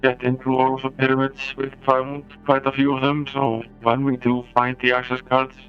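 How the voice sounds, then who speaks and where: A man streaming a game, talking in a halting, casual way through a bitcrushed eight-bit robot voice filter. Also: medium pitch, monotone, highs cut off, soft background music. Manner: halting, with many pauses. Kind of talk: casual gameplay commentary.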